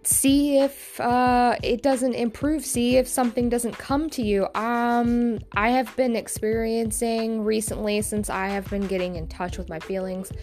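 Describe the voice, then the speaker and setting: Frank, halting woman podcaster, faint music. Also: a little high, fairly even intonation, a little mellow. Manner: frank and emphatic, swears freely, many ums and pauses; hesitant and halting. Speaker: podcast host. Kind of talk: casual solo podcast monologue.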